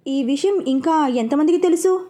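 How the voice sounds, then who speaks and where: A woman playing a stern middle-aged father, sharp and demanding. He questions his daughter hard and snaps into shouting, in a high, mellow read. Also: moderate pace, lightly acted.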